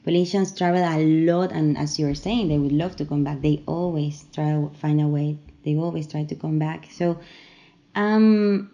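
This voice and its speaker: Interviewer: a woman with a low, mellow voice, friendly and easy. Dull lo-fi sound. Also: fairly even intonation, normal speed. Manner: friendly, laughs often. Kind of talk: casual interview talk.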